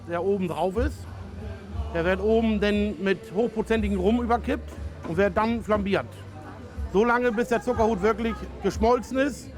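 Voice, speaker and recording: A man with a high voice explains his stall's drink recipe matter-of-factly in an interview. He is recorded outdoors at a market, with faint music behind.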